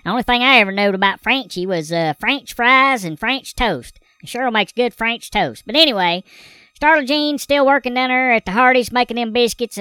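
A man's voice: very high-pitched, pushed and bright, smooth, no echo, voice pushed up, heavily acted. A man voicing a folksy old Southern hillbilly man who rambles in a country drawl, with a Southern accent. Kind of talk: comedy character bit.

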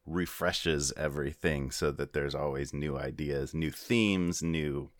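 A man explaining things casually in a podcast chat, relaxed and full of fillers. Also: very deep voice, measured pace, no room sound, studio quality.

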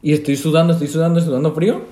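A man's voice: a little high, very fast, dark tone, reverberant. A young man with a Mexican Spanish accent, animatedly telling a scary story in casual chat, laughing often.

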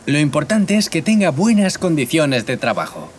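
A man's voice: fairly high pitch, big pitch swings, moderate pace, slight background noise. A man playing a polite shop salesman. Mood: courteous. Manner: courteous, formal sales talk. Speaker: salesman in a scripted dialogue. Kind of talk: scripted learner dialogue.

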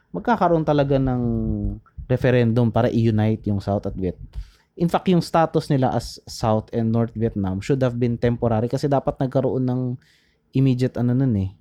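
A man casually talking through history, rambling and pausing to search for names, mixing English into his Tagalog. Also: medium pitch, warm tone. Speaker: podcast co-host.

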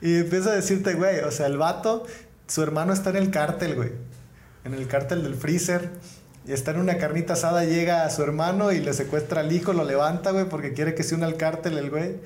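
Man, northern Mexican accent, slightly high voice, casual storytelling, profane slang, emphatic repetition, echoey room, background noise. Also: fast, darkish tone. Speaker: comedian, podcast guest. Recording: roomy echo, clear background noise.

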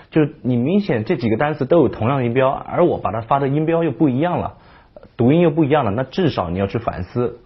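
A man who speaks natively, teaching English pronunciation in a casual spoken lesson, explaining and slowly repeating example words. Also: mid-range voice, husky. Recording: dull lo-fi audio.

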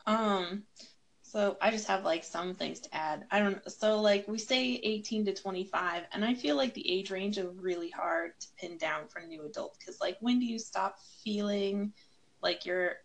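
A woman's voice: mid-range voice, normal speed, creaky, poor audio. A woman in her twenties chatting casually, hesitant and tentative as she adds her thoughts. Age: 20s. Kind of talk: casual chat.

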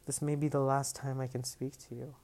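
A man reading aloud, voicing an imprisoned female goddess who is commanding and ominous, in his own voice, low, measured and stern. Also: little pitch movement, darkish tone, lightly acted.

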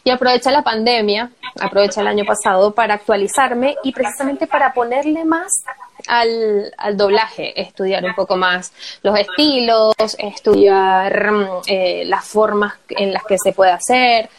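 A woman's voice: mid-range voice, moderate pace, rough recording. A woman from Venezuela, a voice actor talking casually in an interview and acting out her examples. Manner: lively, acts out examples, laughs often. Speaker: guest, voice actor and announcer.

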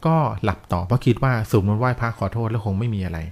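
A man telling a ghost story in casual chat, with a polite, dramatic delivery full of soft polite particles. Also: lowish voice, fast. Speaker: storyteller host.

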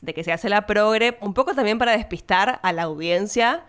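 A young Argentine woman, not from Buenos Aires, hosting a podcast and chatting casually about a film, laughing and speaking quick asides to her listeners. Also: medium pitch, fairly bright tone. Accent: Argentine Spanish, not Buenos Aires. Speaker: podcast host.

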